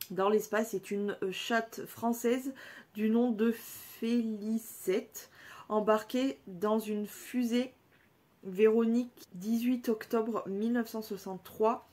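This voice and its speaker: A woman's voice: fairly high pitch, a little mellow. Woman vlogger, upper voice, casual slangy day-in-the-life chatter. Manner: chatty and slangy, with fillers and asides. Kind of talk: casual vlog chat.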